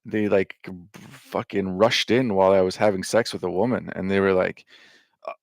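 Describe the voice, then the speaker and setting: An American vlogger with a fairly low voice, heavy gravel and plenty of vocal fry delivers a loose, rambling monologue at normal speed and fairly even intonation. He drifts from thought to thought, full of fillers, restarts and casual swearing. The audio is close and dry, with no room or echo.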